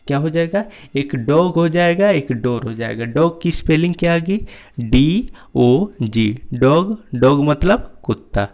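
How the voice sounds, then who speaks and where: A man's voice: fairly high pitch, a little mellow. A man teaching a recorded lesson, who spells words letter by letter and keeps asking and answering his own questions. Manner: slow, repetitive call-and-response questioning, spelling letter by letter. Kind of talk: recorded lesson over slides.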